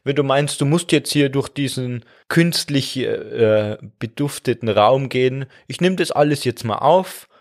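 A man's voice: medium pitch, expressive, measured pace, few pauses, voice pushed up. A man voicing a passive-aggressive, falsely accommodating lung in a comedy podcast. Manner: sugary, falsely agreeable.

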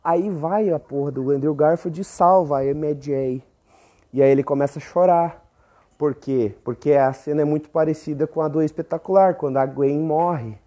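Husky, mellow young man rambling. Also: normal speed. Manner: profane, self-mocking, often breaks into high squeaky exclamations. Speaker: podcast host. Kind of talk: casual rambling monologue.

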